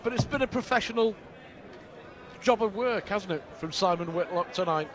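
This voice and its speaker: A man's voice: high voice, animated, normal speed. A man giving conversational, analytical live commentary on a darts match. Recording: clear crowd noise behind commentary. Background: arena crowd.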